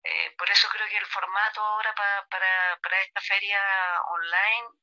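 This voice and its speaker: A middle-aged Chilean woman artist, chatting casually and warmly in a remote interview with a Chilean accent, laughing easily. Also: mid-range voice, fairly even intonation, moderate pace, lo-fi sound. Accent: Chilean Spanish. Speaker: artist guest.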